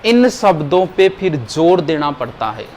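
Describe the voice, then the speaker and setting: A man's voice: a little high, big pitch swings, a little slow, a little mellow, slight background noise. A male teacher, giving a grammar lesson to a class, asking questions and stressing words.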